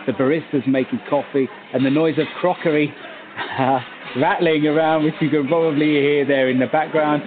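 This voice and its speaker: A man's voice: a little high, phone-quality sound. A man who reviews tech gear, talking casually and thinking aloud as he is heard through a bluetooth earbud mic on a call. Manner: chatty, thinking aloud, with small laughs. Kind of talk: casual product review talk. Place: busy coffee shop, indoors.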